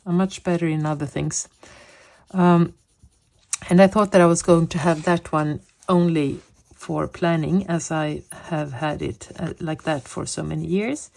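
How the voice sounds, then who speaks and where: Speaking English as a second language, a woman from Sweden in her late fifties colors and chats, now and then reaching for the right word. She has a deep, creaky, darkish voice with a steady tone and a measured pace.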